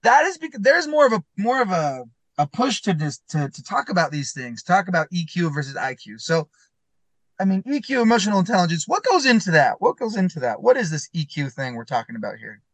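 A man's voice: high voice, sing-song, fairly quick, fairly bright tone, no room sound. A male podcast host chatting casually from his van, his voice sounding tinny through a laptop's built-in mic, often restarting his sentences. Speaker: podcast host, school counselor. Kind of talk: casual chat. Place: inside his van while traveling.

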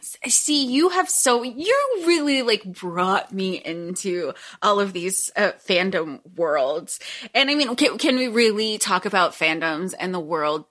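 A woman's voice: medium pitch, expressive, measured pace, fairly bright tone. A woman co-hosting a podcast in casual chat, enthusiastic and laughing often, recorded in an echoey room while away from home. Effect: echoey room sound. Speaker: podcast co-host. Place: temporary room while traveling, sounds echoey.

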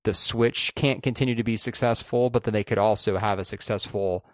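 Low-voiced man in casual tech chat. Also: steady tone, fairly quick, a bit bright, dry recording, clean studio sound. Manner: chatty, restarts phrases often. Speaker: podcast co-host.

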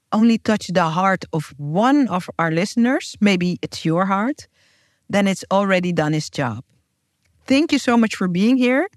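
This podcast host and guest, an earnest woman with Dutch as her first language, has a mid-range voice and an emphatic, heartfelt manner. She delivers a scripted intro and then chats casually, with clean studio sound and no echo.

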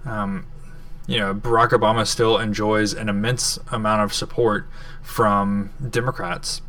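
A gravelly, bright-toned man talks politics casually on a podcast, full of fillers and sudden upward leaps. He sounds a little off the mic in a dry room. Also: unhurried, no room sound, far from the mic. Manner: conversational, many fillers, animated rises in pitch. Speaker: podcast co-host.

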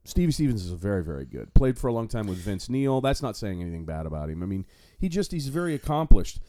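Low-voiced sarcastic man, stammering chat. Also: quick pace, dry recording. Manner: animated, stammering restarts, sarcastic. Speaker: podcast co-host. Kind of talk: casual chat.

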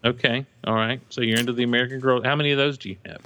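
A man's voice: mid-range voice, steady tone, rapid-fire, sharp tone, dull audio. A man hosting a casual podcast interview, asking teasing, playful questions. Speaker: podcast host.

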